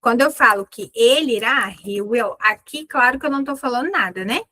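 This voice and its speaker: A woman's voice: fairly high pitch, fairly quick, bright, forceful tone, no room sound, low-quality recording. A woman with a Brazilian Portuguese accent teaching an English lesson, patiently explaining and repeating pronunciation drills.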